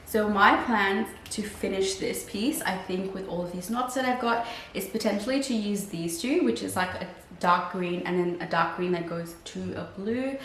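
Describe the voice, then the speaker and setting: A woman's voice: medium pitch, normal speed, fairly bright tone. A woman chatting casually to her vlog audience as a crocheter, with a wry, self-deprecating manner. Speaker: crochet vlogger. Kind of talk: casual chat to camera, vlog. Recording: roomy, distant mic, faint hiss.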